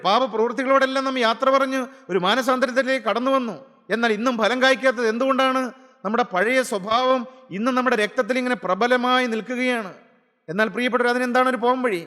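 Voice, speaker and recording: Male preacher with a high, bright voice, fervent sermon full of rhetorical questions, long hall reverb. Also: steady tone, fast talker. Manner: impassioned, piling up rhetorical questions and repeated phrases. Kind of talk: gospel sermon.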